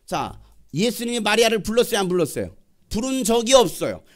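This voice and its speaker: A male pastor preaching a sermon, telling the story in an animated way and acting out the voices. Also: sits high, brisk.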